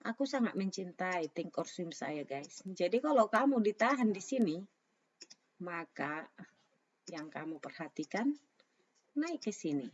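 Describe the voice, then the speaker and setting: A woman with a raspy voice, hoarse from a sore throat, casually talking through trading analysis and mixing in English phrases. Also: fairly low pitch, very animated, measured pace, long pauses. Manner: informal, mixes English phrases into talk. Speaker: trader presenting market analysis. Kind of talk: casual spoken chart commentary. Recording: dull, lo-fi microphone sound.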